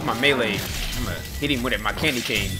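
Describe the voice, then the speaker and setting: A man giving excitable, profane, joking commentary while playing a game, with game music and gunfire mixed in. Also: mid-range voice, quick pace. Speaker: gamer. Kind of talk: gameplay commentary.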